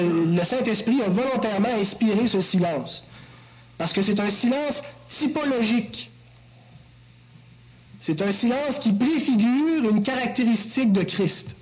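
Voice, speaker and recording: A man's voice: high-pitched, darkish tone, a little hiss or hum, low-quality recording. A man preaching an expository sermon, teacherly with joking asides to the congregation. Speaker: pastor.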